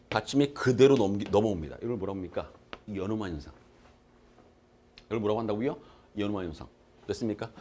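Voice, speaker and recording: A man's voice: medium pitch, a little hiss or hum. A male exam-prep lecturer giving a recorded class. He talks emphatically, asks his students questions and answers them himself, and repeats key terms to drill them. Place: lecture room.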